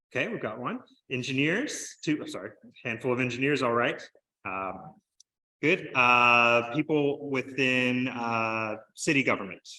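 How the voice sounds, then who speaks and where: A man's voice: medium pitch, sharp tone, low-quality recording. A man from the United States in his thirties giving a conference presentation, upbeat and conversational, with many fillers. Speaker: conference speaker. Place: conference room.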